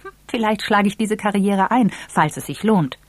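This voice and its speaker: A reader voicing Eve, an excitable and impulsive young woman, with an eager, affected manner. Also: moderate pace, no room sound, natural voice. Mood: excited. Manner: eager, wheedling, high and affected.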